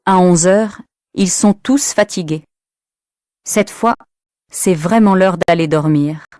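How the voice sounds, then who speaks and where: A woman's voice: on the low side, slow, warm tone, no room sound. A woman narrating a story for language learners, reading carefully and expressively.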